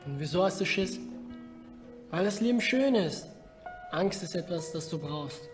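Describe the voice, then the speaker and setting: A blunt young street guy, with a fairly high voice, talking in rough slang while trying to comfort a friend. Faint music plays underneath. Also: animated, unhurried. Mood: earnest. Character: streetwise drug-addicted young man, blunt but caring. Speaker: film character. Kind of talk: film drama dialogue.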